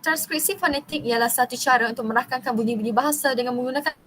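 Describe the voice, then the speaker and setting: A young woman from Malaysia reading a university class presentation, steady but often stumbling and restarting on long terms. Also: high voice, fast talker, rough recording.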